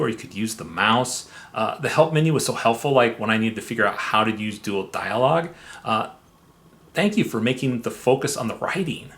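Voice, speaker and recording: A man with a mid-range, slightly bright voice presents a semi-scripted software review. He's emphatic and enthusiastic, dropping in conversational asides along the way.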